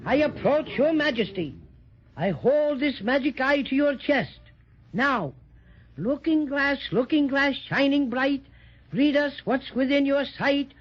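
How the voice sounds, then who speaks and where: An actor voicing a small, cheeky, chirpy talking bear in a 1930s children's radio serial. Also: male voice, extremely high pitch, measured pace. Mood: grandly theatrical. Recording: muffled 1930s radio recording.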